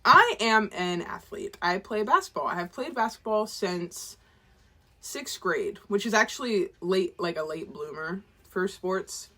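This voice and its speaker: A woman's voice: mid-range voice, lively intonation, unhurried, bright, forceful tone. A woman in her twenties, an author rambling casually to camera in a chatty, self-deprecating way. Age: 20s. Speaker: author and vlogger.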